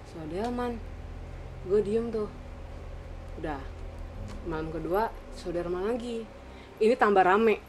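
A woman's voice: mid-range voice, a little slow, pauses often. A young woman with a Jakarta-area accent telling a ghost story casually and animatedly in informal Jakarta slang. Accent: Jakarta-area Indonesian. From Indonesia, Cibinong area. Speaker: storyteller in a group chat. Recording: clearly noisy room ambience.

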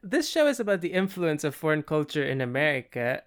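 A man's voice: a little high, sing-song, fairly quick, clear, resonant tone. A man hosting a podcast interview, delivering eager, scripted introductions and questions. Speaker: podcast host.

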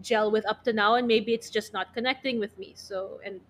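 A young Filipino woman co-hosts a casual podcast about pop music, rambling and chatty with lots of "like." Her voice is medium-pitched and steady, fairly bright, at a moderate pace, with a little hiss or hum in the background.

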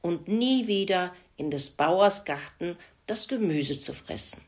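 A woman's voice: fairly low pitch, lively intonation, slow. A woman doing a whiny greedy farm pig. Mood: grumbling. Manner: whiny, complaining. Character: grumbling male farm pig, greedy but good-natured.

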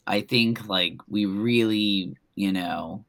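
A woman's voice: rumbling low, slow, no room sound, clean studio sound. A woman co-hosting a podcast, chatting casually in an easygoing, agreeable way. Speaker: podcast co-host. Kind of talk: casual chat.

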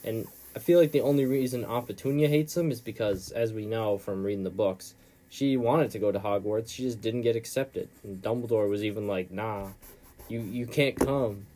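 A man's voice: on the low side, fairly quick, warm tone. A male podcast host giving a casual, rambling recap of a chapter in informal, slangy storytelling.

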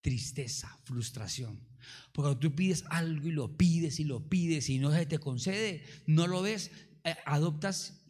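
A man preaching a sermon, animated and acting out prayers in different voices. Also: on the high side, measured pace, breathy edge. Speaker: pastor.

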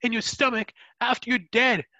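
A pompous, flustered doctor stammers and insists on his title in a comedy podcast skit, as a young man puts him on. The voice is high and bright, recorded dry. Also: little pitch movement, moderate pace, dry recording, muffled recording, heavily acted. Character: fussy pompous male doctor, incompetent.

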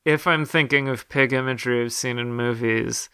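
A man's voice: mid-range voice, fairly even intonation, moderate pace, sharp tone, clear, resonant tone, dry recording, studio quality. A man co-hosting a podcast, chatting casually about a horror film with many fillers and restarts. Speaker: podcast co-host.

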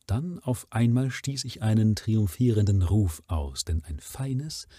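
Low, husky male reader. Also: animated, measured pace, dark tone, no room sound, studio quality. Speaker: audiobook reader. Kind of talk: unrehearsed first-sight reading of a novel.

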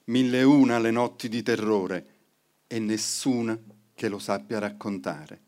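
A man's voice: on the low side, fairly even intonation, unhurried, a little mellow. A man reciting a poem at a live event with an incantatory, repeated refrain. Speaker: poetry reader. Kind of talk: poetry recitation with chorus. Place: event hall.

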